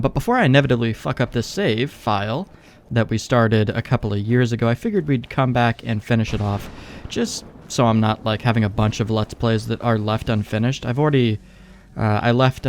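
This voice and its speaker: A young gaming YouTuber rambles through laid-back, sweary let's play commentary as he plays. His voice is lowish at a normal speed, with slight background noise.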